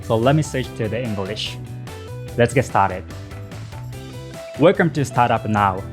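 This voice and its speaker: Japanese man hosting in halting English. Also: medium pitch, expressive, faint music behind. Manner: polite, halting English with restarts. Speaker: podcast host. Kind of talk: interview hosting.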